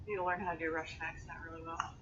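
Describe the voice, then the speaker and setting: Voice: medium pitch, little pitch movement, very fast, pushed and bright, recorded from a distance, dull audio, a little hiss or hum. A co-player on a game stream who makes short, dry, teasing remarks. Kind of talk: casual gameplay chat.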